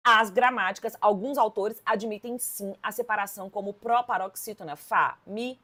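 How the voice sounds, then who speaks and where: A woman with a Brazilian Portuguese accent teaching an exam-prep grammar lesson, lively and emphatic, talking straight to her students. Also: medium pitch, normal speed.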